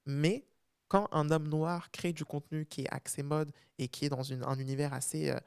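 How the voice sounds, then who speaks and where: A man's voice: on the high side, normal speed, creaky, clear, resonant tone, no echo, studio quality. A young man from France, a fashion content creator guest, talking casually in an interview, with lots of fillers and restarts. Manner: relaxed, many fillers and restarts.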